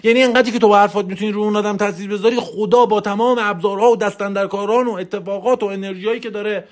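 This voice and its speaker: A man's voice: high-pitched, steady tone. A man giving a motivational coaching talk in a voice message, emphatic and preachy, hammering points home through repetition.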